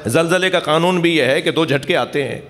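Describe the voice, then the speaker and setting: Male preacher, slightly high voice, narrative sermon style, leads the gathering in blessings. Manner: storytelling preaching, calls the crowd to recite blessings. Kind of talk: Shia majlis sermon. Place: imambargah hall.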